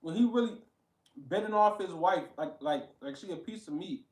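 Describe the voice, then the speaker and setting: A man rants in blunt, profane bursts as he reacts to a clip. His voice sits somewhat high. The room around him rings with echo. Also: animated, moderate pace, a little mellow, far from the mic. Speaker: reaction commentator. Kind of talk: casual commentary.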